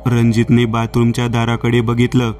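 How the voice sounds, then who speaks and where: Male horror narrator, slow and steady, extremely flat delivery. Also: mid-range voice, soft background music. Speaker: horror storyteller.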